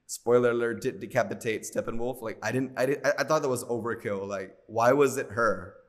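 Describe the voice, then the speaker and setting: A man co-hosting a loose, casual podcast chat. He jokes sarcastically and breaks into laughter often. His voice sits at a middling pitch. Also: fairly quick. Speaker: podcast co-host.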